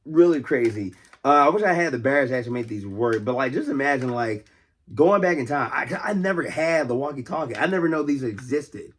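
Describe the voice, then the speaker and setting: Brisk and expressive at a medium pitch, this American man runs an unscripted toy-collecting vlog. His talk is loose and rambling, circling back to repeat things.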